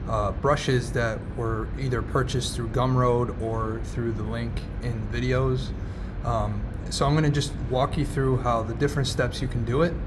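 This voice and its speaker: A man with a mid-pitched voice hosts a casual how-to tutorial, walking through the steps. His voice echoes around an indoor studio. Clear background noise sits behind him. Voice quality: echoey sound from the room. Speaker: tutorial host.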